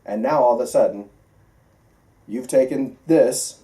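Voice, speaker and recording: Speaking at a measured pace in a dark, medium-pitched voice, an American man instructs pilots in flying. It's a relaxed, conversational classroom lecture with emphatic points and many check-in questions, heard through a distant microphone.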